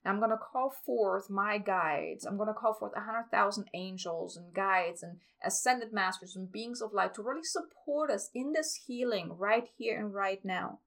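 A woman guiding a meditation in a calm, soothing, meditative manner, as a spiritual podcast host. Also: mid-range voice, moderate pace, hardly any pauses. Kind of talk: guided meditation.

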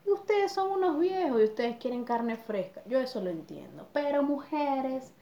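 A woman's voice: sits high, very animated, moderate pace, warm tone, reverberant, muffled recording. A woman, tipsy from wine, chatting bluntly and swearing as she lectures. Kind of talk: casual chat.

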